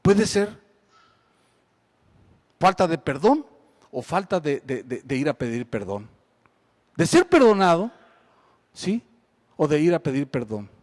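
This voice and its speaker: Male pastor, fairly high voice, live church sermon, forceful readings, quiet questions. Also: expressive, a little slow, long pauses. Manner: reads scripture aloud with rising force, then asks questions softly. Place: church service, streamed live.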